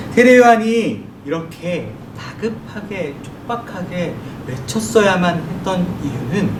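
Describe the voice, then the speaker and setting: A man preaches to children in a high voice that swings up and down. He keeps asking the kids questions and answers them himself. The recording sounds roomy and distant, with a low rumble behind it. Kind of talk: children's sermon. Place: church worship room. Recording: echoey room from far off, noisy.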